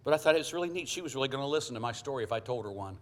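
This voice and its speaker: A man's voice: medium pitch, animated, rapid-fire. A middle-aged male pastor preaching a sermon, telling folksy stories with jokey asides.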